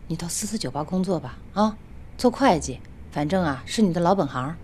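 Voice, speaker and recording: An actress playing a blunt middle-aged lawyer in a TV drama who speaks her mind. Her voice is mid-pitched and lively, with faint background noise. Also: a little fast, natural voice. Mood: protective. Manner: forthright, indignant, bossy. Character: bossy middle-aged woman lawyer, protective. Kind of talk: television drama acting.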